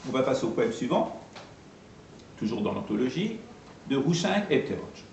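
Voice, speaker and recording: A man's voice: medium pitch, sing-song, gravelly, a little mellow. A man gives a lecture on poetry and translation, patiently repeating and spelling out each term. His voice comes from some distance off in a very echoey hall. A faint room hum sits behind him. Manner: patient, repeats and spells out terms, pausing often. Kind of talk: explanatory talk to an audience.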